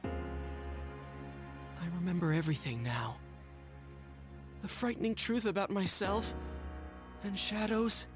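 A young man voicing a calm, mysterious young figure in a video game, speaking in a measured, grave way. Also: sits high, heavily acted. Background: game music.

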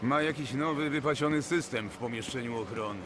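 An actor plays a grumbling, cynical male resident in a video game. His voice sits at medium pitch, with clear ambience noise behind it. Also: a little fast, lightly acted.

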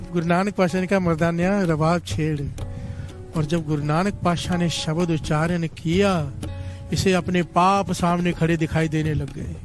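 A man giving a devotional sermon with a North Indian accent, telling a story and calling out a repeated refrain to the congregation. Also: high-pitched. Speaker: preacher.

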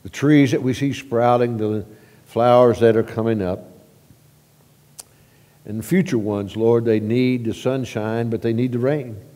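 A man leading a church prayer at a pulpit microphone, halting with repeated words and swelling louder as he prays. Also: mid-range voice, steady tone. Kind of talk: spoken church prayer and announcements. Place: church sanctuary. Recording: long reverb of a church sanctuary.

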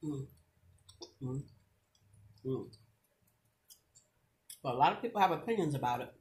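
A man's voice: mid-range voice, animated, a little mellow. Man talking with his mouth full. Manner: chatty, drawn-out musing questions. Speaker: mukbang host. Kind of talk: casual chat while eating.

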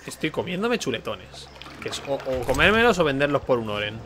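A man's voice: mid-range voice, very animated, fairly quick, noisy background. A young man giving casual, joking let's play commentary while he plays, talking to himself. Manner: chatty, joking, self-talking. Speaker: gamer streamer. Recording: voice over loud game music.

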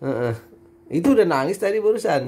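Teasing father with a lively voice. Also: a little high, a little fast. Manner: teasing, laughing, playful commentary. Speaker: father in family vlog. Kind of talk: casual family chat.

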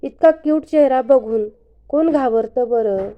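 Woman narrator voicing a calm, teasing young man. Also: sits high, a little slow, lo-fi sound.

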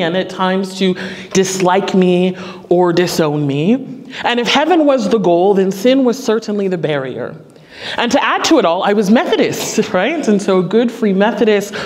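A woman in her forties preaching a conversational sermon with joking asides, as pastor in a church. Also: on the low side. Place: church sanctuary. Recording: long reverb in a large hall.

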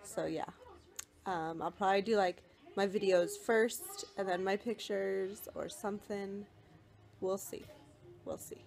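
A woman's voice: medium pitch, fairly even intonation, a little slow, creaky, a little mellow. A young woman chatting casually to her vlog camera, with lots of fillers and a winding way of talking. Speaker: vlogger. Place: indoors at home, then outdoors at a crowded festival.

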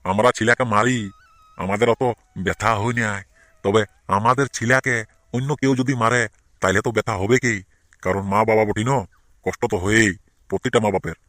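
A man's voice: fairly low pitch, normal speed, a bit bright, no echo, studio quality, soft background music, close to an everyday voice. A man voicing a protective village father with a Purulia Bengali accent who explains earnestly.

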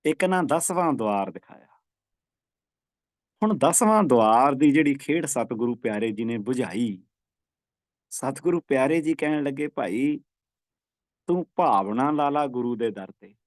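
A man teaching scripture recitation, chanting verses slowly and repeating them for practice. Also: mid-range voice, lively intonation, dry recording.

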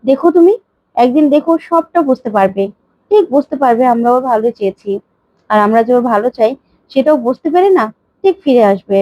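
A woman's voice: a little high, animated, fairly quick, dry recording, dull audio, lightly acted. A woman voicing a heartbroken middle-aged mother who speaks in a tearful, pleading way. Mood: sorrowful.

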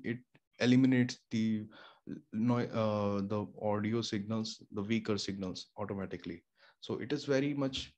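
This casual screen-share tutorial features a young Indian-accented host explaining home recording step by step, with many fillers and restarts. His pitch is fairly low and his tone darkish. The setting is a small home room near an air conditioner and fridge, captured on a studio microphone through an audio interface, with faint room hum.

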